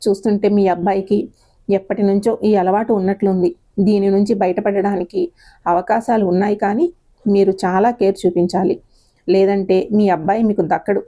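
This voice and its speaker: A woman's voice: medium pitch, fairly even intonation, normal speed, mellow, natural voice. A woman voicing a serious male doctor in an audio story, grave and advising.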